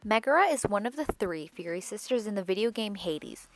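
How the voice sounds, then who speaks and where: A woman with a mid-range voice narrates a doll repaint tutorial in a chatty, candid voice-over, speaking animatedly and fairly quickly over faint background music. Her braces slightly change her speech in this casual tutorial narration.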